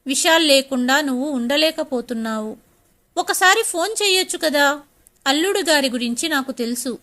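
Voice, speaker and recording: A woman's voice: sits high, animated, normal speed, sharp tone. A woman voicing a stern, ashamed middle-aged father in a story, speaking reproachfully.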